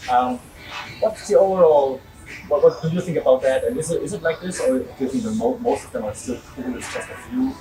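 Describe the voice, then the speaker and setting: A man's voice: on the high side, lively intonation, brisk, mellow, distant mic, faint music behind, low-quality recording. A man with a German accent hosting a podcast, chatting in a rambling way with frequent restarts and laughs. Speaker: podcast host. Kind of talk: casual interview chat.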